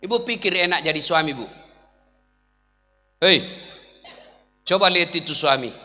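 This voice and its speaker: A man's voice: fairly high pitch, lively intonation, measured pace, sharp tone, big-room sound, soft background music. A man preaching a humorous sermon, telling jokes and acting out the lines of the people in them. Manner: joking storyteller, acts out quoted lines. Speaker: Islamic preacher.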